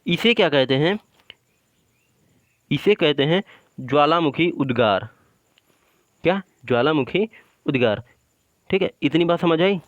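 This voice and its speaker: A man's voice: on the high side, expressive, a little slow, long pauses, no echo, muffled recording. Man teaching with drilled question-and-answer. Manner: says "ठीक है" after almost every point; explains step by step while pointing at a drawing. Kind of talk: exam-prep lecture.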